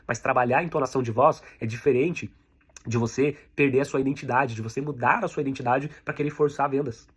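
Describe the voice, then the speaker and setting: Husky and medium-pitched, the voice belongs to a sales instructor with a Brazilian Portuguese accent running an online lesson. His coaching is direct and repetitive, speaking to the viewer as "you" and going over the main points again for note-taking.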